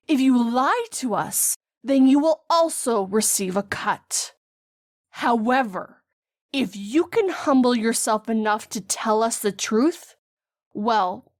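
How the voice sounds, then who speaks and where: A woman voicing a vengeful grieving mother who speaks calmly and mockingly in a horror story. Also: on the high side, no room sound, studio quality. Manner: slow, calm and mocking.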